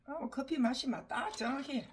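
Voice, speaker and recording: An older woman from the Gyeongsang region with a Gyeongsang accent, chatting casually to camera at home over morning coffee. She teases her husband, laughs often and sometimes drops to a soft murmur. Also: high voice, moderate pace, a little hiss or hum. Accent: Gyeongsang Korean. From Gyeongsang region, Korea. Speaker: vlogger, home caregiver.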